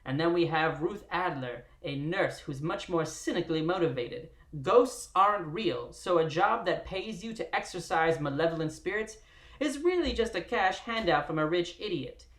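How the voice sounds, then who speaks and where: Host doing a 1920s radio announcer: theatrical, punchy, middle pitch, roomy echo. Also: lively intonation, moderate pace, a bit bright, natural voice. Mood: dramatic. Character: old-timey 1920s radio announcer narrator.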